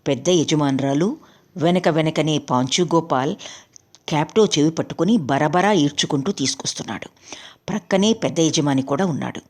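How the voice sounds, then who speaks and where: A woman with a lowish voice reads an audiobook story aloud. Her delivery is steady and measured, carrying the narration line by line.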